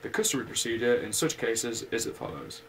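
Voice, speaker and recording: A man's voice: medium pitch, very animated, brisk, fairly bright tone, a little hiss or hum, low-quality recording. A man voicing a pompous, wordy old male owl in a bedtime story, formal and self-assured. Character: pompous wise old male owl, fond of long words.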